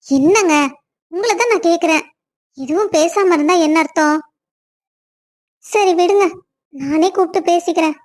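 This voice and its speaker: A woman's voice: very high voice, normal speed, pauses often, darkish tone. A woman voicing the women of a family cartoon story, one after another.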